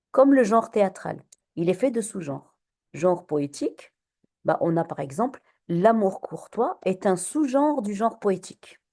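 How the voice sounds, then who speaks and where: A woman's voice: mid-range voice, mellow. A woman teacher giving a classroom lesson on poetry, patient and questioning, with many fillers and restarts.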